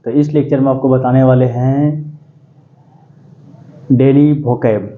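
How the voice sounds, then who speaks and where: A man teaching exam vocabulary in a lecture, repeating key words slowly and quizzing his students. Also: medium pitch, steady tone, narrow, tinny audio. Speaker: English teacher.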